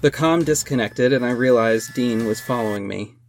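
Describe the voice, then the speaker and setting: With music playing beneath him, an actor in an audio drama voices an earnest masked superhero narrating his own adventures. His mid-range voice moves at a moderate pace and sounds close to everyday speech, though earnest and dramatic in mood.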